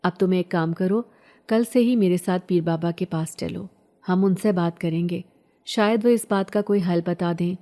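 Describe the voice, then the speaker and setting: A woman's voice: on the low side, warm tone, natural voice. A woman voicing a worried middle-aged mother speaking anxiously and pleadingly.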